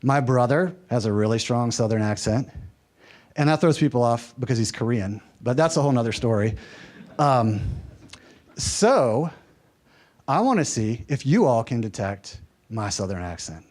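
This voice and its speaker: A man's voice: mid-range voice, lively intonation, normal speed, a little mellow. Man giving a workshop lecture. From American South, mountain region. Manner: conversational, checks in with the audience, light humor. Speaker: workshop presenter. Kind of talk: workshop lecture with audience activities. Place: workshop room.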